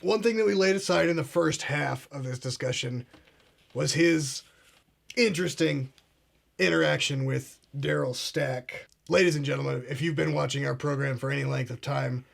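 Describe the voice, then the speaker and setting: A fairly high-pitched, gravelly male voice at normal speed belongs to an actor cast as a paranoid, self-important conspiracy talk show host. The comedic mock talk show has him grave, grandiose and ominous, calling out to "ladies and gentlemen."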